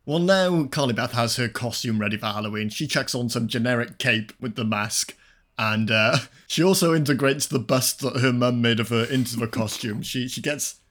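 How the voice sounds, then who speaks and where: A man retells the story for his co-hosts at an everyday middle pitch. He swears freely and keeps breaking into laughter as he talks. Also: moderate pace, fairly bright tone. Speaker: podcast co-host recapping a film. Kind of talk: casual comedic chat.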